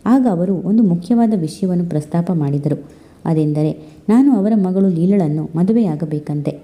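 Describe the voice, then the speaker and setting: A woman reading aloud a courteous letter from a young man to an elder, in a measured storytelling voice. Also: fairly low pitch, dark tone, close to an everyday voice. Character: young man writing a polite family letter.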